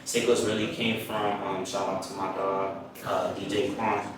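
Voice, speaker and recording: Low, flat-voiced man, roomy and far. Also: moderate pace, over music. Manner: laid-back, repeats "you feel me". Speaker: guest, creative director. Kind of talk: casual interview chat. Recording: roomy, distant mic, loud crowd behind.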